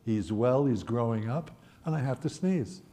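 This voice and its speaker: A man in his eighties from the Netherlands, telling his life story in a wry, gently humorous way. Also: mid-range voice, expressive, moderate pace, a little hiss or hum. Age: 80s. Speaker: Holocaust survivor speaker. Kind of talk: personal storytelling talk.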